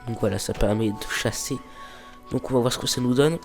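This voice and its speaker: Music plays behind a man with a mid-range voice who talks fairly quickly. He hosts a let's play of a mobile game, stuffy from a cold, offering hesitant, filler-heavy commentary and occasionally voicing the game's lines.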